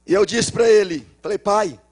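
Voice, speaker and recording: High-voiced Minas Gerais pastor preaching. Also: male voice, moderate pace. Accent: Brazilian Portuguese, Minas Gerais. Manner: storytelling with acted-out dialogue, swinging from loud cries to low murmurs. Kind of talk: sermon. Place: church.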